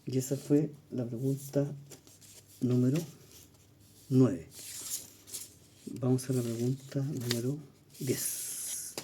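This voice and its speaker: A Chilean man with a very dark, mellow voice leads an exam-prep lesson. He explains each question patiently, thinking aloud, pausing on fillers and asking "¿ya?" as he goes. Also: mid-range voice, level tone, slight background noise. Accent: Chilean Spanish. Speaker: teacher reviewing exam questions.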